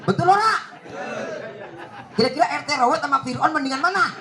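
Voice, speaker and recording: A man preaching a humorous sermon, teasing his listeners and checking in with quick rhetorical questions. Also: extremely high pitch, animated, crowd noise.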